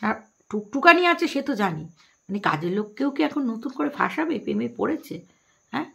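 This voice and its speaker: A woman's voice: a little high, very animated, fairly quick, vocal fry, bright, forceful tone, slightly rough. A woman vlogger with a Bengali accent, gossiping and mocking the people she talks about directly to her viewers. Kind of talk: gossipy commentary vlog.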